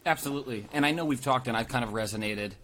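A man's voice: mid-range voice, fast talker, a bit bright, slight background noise. A man co-hosting a casual podcast, talking earnestly and rambling, often restarting his phrases. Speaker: podcast co-host.

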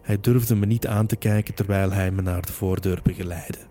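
A man narrating a first-person novel in a measured, steady storytelling manner. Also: low-pitched, soft background music. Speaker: audiobook narrator.

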